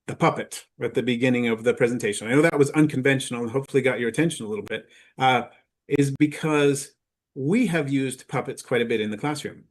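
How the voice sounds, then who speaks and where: A man giving a conference presentation to teachers, explaining in a measured way with frequent filler pauses. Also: medium pitch.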